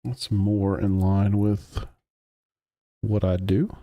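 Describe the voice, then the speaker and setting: A man's voice: lowish voice, steady tone, slow, no room sound, dull audio. A man streaming a sim racing game, chatting casually with his chat while he drives. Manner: laid-back, rambling, answers chat.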